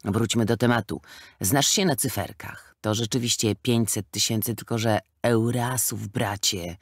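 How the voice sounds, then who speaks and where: A man's voice: medium pitch, normal speed, no room sound, clean studio sound, close to an everyday voice. Man voicing a fat sly gangster. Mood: scornful. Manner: sly, scornful, hissing threats. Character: fat sly middle-aged male gangster.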